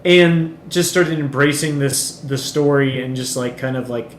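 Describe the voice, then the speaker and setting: A Chilean man co-hosts a podcast, rambling through a casual chat full of ums and swearing. His voice sits in the mid range and moves a little slowly. The room is echoey, with faint background noise.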